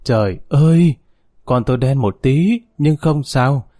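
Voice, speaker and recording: A man's voice: medium pitch, unhurried, dark tone, dry recording, clean studio sound, natural voice. A man voicing a distraught, doting middle-aged mother who wails and scolds shrilly. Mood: wailing.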